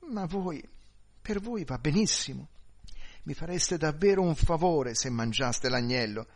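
A man voicing a grieving young housewife who speaks gently and pleads politely. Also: fairly high pitch, lively intonation, measured pace, voice pushed up. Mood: gracious.

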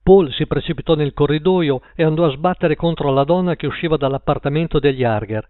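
A man narrating a story aloud in a measured storytelling manner. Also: on the high side, no echo. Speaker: audiobook narrator. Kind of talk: scripted narration. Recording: tinny phone-like line, dry.

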